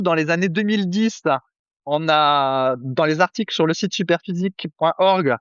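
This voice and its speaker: A man's voice: high voice, smooth, no echo, highs cut off. A man co-hosting a nutrition podcast, chatting casually with many fillers and jokey asides. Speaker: podcast co-host. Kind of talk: casual chat.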